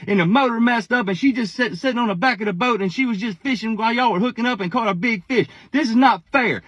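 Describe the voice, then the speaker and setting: A man's voice: extremely high pitch, fast, a bit bright, no echo, pitched above the performer's own voice. A man voicing a pouting, crying girl of about nine who whines and complains. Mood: whiny. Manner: whining, complaining.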